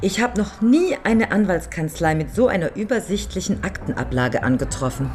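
In a German radio crime drama, an actress plays a careful, methodical middle-aged lawyer who is also an amateur sleuth's friend, explaining things drily in a measured way. Her lightly acted voice is fairly low, expressive and darkish, at normal speed, with slight background noise.

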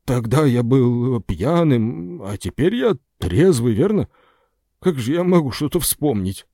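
A man's voice: medium pitch, sing-song, measured pace, mellow, no echo, clean studio sound. A man voicing a frightened, middle-aged drunk projectionist who mumbles apologetically in an audiobook. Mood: confused. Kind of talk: audiobook character voice.

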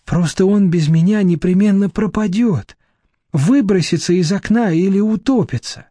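A man's voice: high-pitched, normal speed, mellow, no room sound, studio quality, pitched above the performer's own voice. A man reading an audiobook, voicing a timid young woman who talks in a plaintive, pleading way. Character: timid young woman, fearful and self-pitying.

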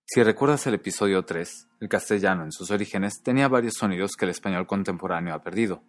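Low-voiced man narrating a language lesson. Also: dry recording, faint music behind. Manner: measured, slows to pronounce example words. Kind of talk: scripted educational narration.

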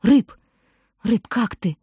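A woman's voice: medium pitch, moderate pace, warm tone, slightly rough, no echo, clean studio sound, natural voice. A woman voicing a dreamy, brave young lighthouse keeper's daughter who speaks earnestly. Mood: anxious. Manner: earnest, breathless. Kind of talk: audiobook character voice.

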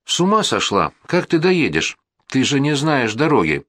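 A man voicing a sensible, sullen boy who argues calmly and firmly. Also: medium pitch, normal speed, dry recording, clean studio sound, voice pushed up. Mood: urgent. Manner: gloomy, reasoning.

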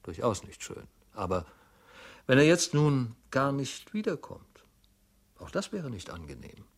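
A man voicing an anxious, self-reproaching clerk who mutters to himself, his voice swinging between loud outbursts and hushed asides. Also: medium pitch, big pitch swings, measured pace, gravelly, husky, voice pushed up, full character voice. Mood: fretful musing. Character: anxious fretful male clerk, middle-aged, self-reproaching.

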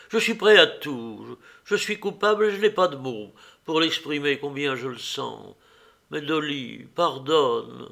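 A man's voice: on the high side, creaky, bright, forceful tone, voice pushed up, exaggerated voice. A man playing a tearful pleading husband. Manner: pleading, near tears. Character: remorseful, tearful unfaithful husband. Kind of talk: audiobook reading of a classic novel.

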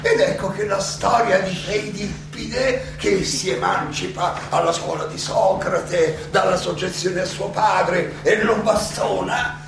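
An actor playing Socrates, a wry old Athenian philosopher defending himself in court in a halting, ironic theatrical monologue full of repetitions. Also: male voice, sits high, vocal fry, heavily acted. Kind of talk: theatrical stage monologue, conversational oratory. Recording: distant echoey stage recording, noisy background.

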